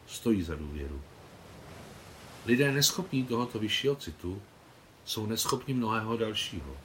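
A man reading his translation of a novel aloud, in a measured, expressive way. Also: fairly low pitch, a little hiss or hum. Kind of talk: audiobook reading.

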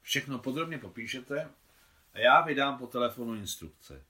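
A man reading aloud and voicing a brisk, commanding middle-aged colonial governor who gives orders. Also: medium pitch, lively intonation, sharp tone.

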